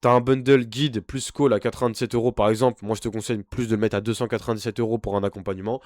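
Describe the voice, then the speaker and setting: A man's voice: on the low side, fairly even intonation, racing, darkish tone, dry recording, studio quality. A young man working as an online business coach gives an informal screen-share tutorial. He talks bluntly and pushily, straight at the viewer. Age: young adult.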